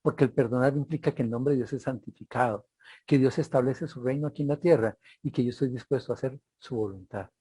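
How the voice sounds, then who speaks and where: Husky man preaching a sermon. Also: mid-range voice, quick pace, dark tone, no echo. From Colombia. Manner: rhetorical questions, frequent "¿verdad?".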